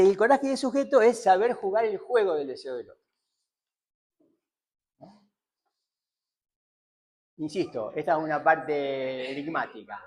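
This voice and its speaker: A man's voice: a little high, darkish tone. A man giving a seminar lecture on psychoanalysis, thinking aloud with many fillers and repeated tag questions.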